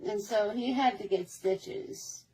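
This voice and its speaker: Brief: woman, mellow and warm, chatty storyteller who loops back on herself. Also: medium pitch, slow pace, poor audio. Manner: rambling, repetitive, with many restarts. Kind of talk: casual storytelling.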